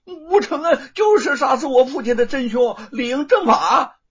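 A man voicing an arrogant, bullying young rich man who speaks in a shrill, blustering, sneering way in a storytelling performance. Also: lively intonation, moderate pace, a bit bright, slightly rough, highs cut off, heavily acted. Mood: shrill accusing.

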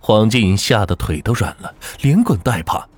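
A man narrating a folk ghost story as the channel's host, in a dramatic, lively storytelling manner. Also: lowish voice, normal speed, breathy edge, no room sound, soft background music.

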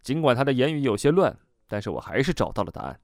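A man voicing a calm, sure woman hypnotist in a lively, dry read. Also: medium pitch, quick pace, no echo. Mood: steady.

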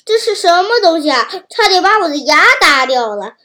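A woman's voice: extremely high pitch, normal speed, full character voice. A woman doing a sly, wheedling fox. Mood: loud. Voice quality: sweet, wheedling flattery. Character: sly greedy flattering fox. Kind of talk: children's storybook reading.

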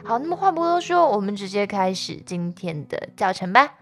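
A woman giving an online singing lesson, chatty and encouraging, stopping often to sing lines slowly for the learner. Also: mid-range voice, sing-song, a bit bright, soft background music. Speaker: singing teacher.

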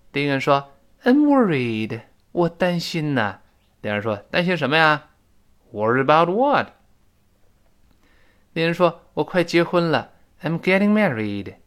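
A man teaching English pronunciation in an audio lesson, his pitch swinging up and down with animated emphasis. He stops often to repeat phrases slowly and clearly into a close mic.

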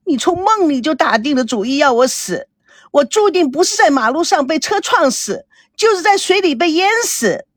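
A woman's voice: high voice, very animated, moderate pace, no echo, pitched above the performer's own voice. A woman voicing an adult daughter who screams in frantic despair in a hospital room. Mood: screaming.

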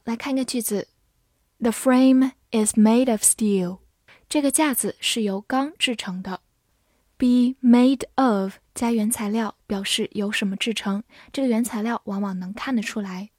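A woman teaching English vocabulary in Mandarin, spelling each word out letter by letter and reading the example sentences slowly and carefully. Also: fairly high pitch, a little mellow, no room sound, clean studio sound. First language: Mandarin Chinese. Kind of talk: scripted vocabulary lesson.

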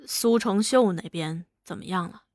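A woman voicing an aging bandit chief who talks in a low, heavy, weary way. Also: normal speed, darkish tone, no room sound, studio quality, lightly acted. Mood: curt.

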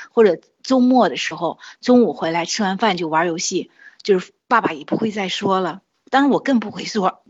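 A woman's voice: mid-range voice, husky, dull audio. A woman, likely in her forties, earnestly sharing a personal testimony in a casual monologue, with frequent hesitations and restarts.

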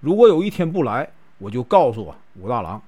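A man's voice: mid-range voice, big pitch swings, a little fast, mellow, breathy edge. A man with a Northeastern Mandarin accent voicing a scheming, greedy old matchmaker woman in a told story. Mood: threatening. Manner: coaxing, plotting storyteller's quoting voice.

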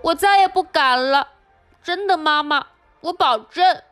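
A woman reading a storybook aloud, voicing a huge male giant with slow, drawn-out threats. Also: high-pitched, a bit bright, soft background music, voice pushed up. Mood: whimpering. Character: huge bullying male giant, later a meek son.

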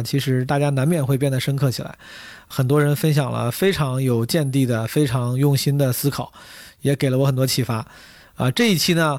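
A man hosting a podcast in a chatty, casual monologue, speaking straight to listeners with a hoarse, gravelly voice worn out from hours of talking. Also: mid-range voice, darkish tone, no room sound, studio quality. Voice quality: gravelly, husky. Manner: chatty, addresses listeners directly. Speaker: podcast host.

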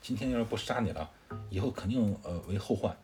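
A hot-tempered young warlord in a spoken storybook tale, barking indignant commands in a fairly low voice, as a man telling the story puts him on. He sounds scornful and quick to anger. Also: darkish tone, faint music behind, lightly acted.

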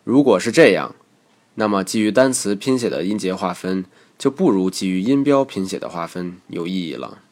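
A man narrating a scripted lesson as an English teacher, explaining calmly and reading example words aloud. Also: sits low, moderate pace.

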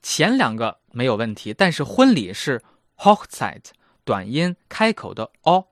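A man's voice: medium pitch, sing-song, moderate pace, fairly bright tone, no room sound, clean studio sound. A man in his thirties hosting a casual language lesson, chatty and self-mocking. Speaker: German language teacher and host.

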